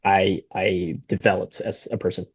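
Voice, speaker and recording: Appearing as an interview guest, a Singaporean golf shop owner in his thirties talks in a relaxed, meandering way, often using fillers and restarting thoughts, all in an American accent. He has a deep, husky voice at normal speed, and the recording is dry and lo-fi.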